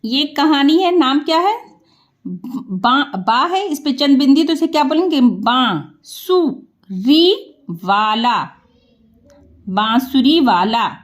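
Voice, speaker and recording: Woman, reading teacher, high voice, unhurried, repeats words to correct them. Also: lively intonation. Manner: reads word by word, repeats and corrects pronunciation. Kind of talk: slow, careful reading lesson.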